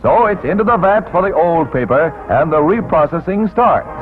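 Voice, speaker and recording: A man narrating a 1940s wartime newsreel in a brisk announcer delivery with punchy quips, heard as old newsreel sound. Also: fairly high pitch, animated. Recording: tinny 1940s newsreel soundtrack with loud music.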